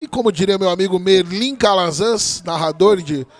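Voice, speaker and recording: A man's voice: high-pitched, moderate pace, no room sound. A Brazilian man giving informal, chatty live commentary on an American football game.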